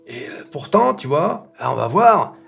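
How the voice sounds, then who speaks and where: A man hosting a casual market commentary video, chatty and animated, full of fillers and rhetorical questions. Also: on the high side, unhurried, vocal fry, soft background music. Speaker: finance video host.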